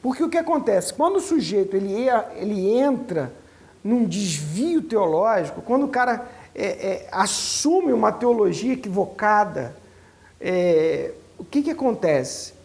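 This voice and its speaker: Homem pregando a líderes com voz arranhada e rouca, em tom de conversa animada. Ele ensina como pastor e lança perguntas à plateia. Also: male voice, sits high, unhurried. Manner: asks the audience many rhetorical questions; animated, colloquial preaching. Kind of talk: teaching sermon to church leaders.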